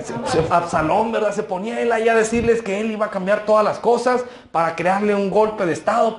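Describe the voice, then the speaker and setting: A man's voice: high voice, roomy sound. A male pastor preaching a conversational sermon, often tossing in rhetorical asides to the congregation.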